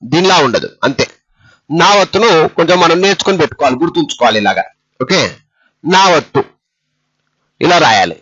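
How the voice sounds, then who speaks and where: A man's voice: a little high, animated, fairly quick, pauses often, fairly bright tone, husky, no echo, lo-fi sound. A man teaching a step-by-step lesson on writing letters, patient and repeating each letter. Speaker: Telugu script teacher.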